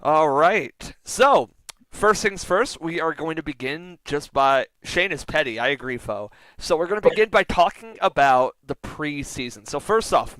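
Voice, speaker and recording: A man's voice: mid-range voice, fairly bright tone, dry recording, rough recording. A man hosting a casual podcast chat, introducing his co-hosts with playful, teasing asides. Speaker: podcast host.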